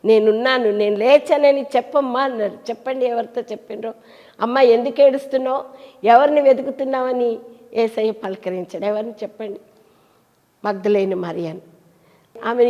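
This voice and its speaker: A woman preacher with a somewhat high voice, praying and preaching in short, fervent, repeated phrases. Her voice rings with a long hall reverb, and the sound is a little dull and lo-fi. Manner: fervent, repetitive pleading in short cadenced phrases. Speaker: bishop and preacher. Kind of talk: televised prayer and sermon.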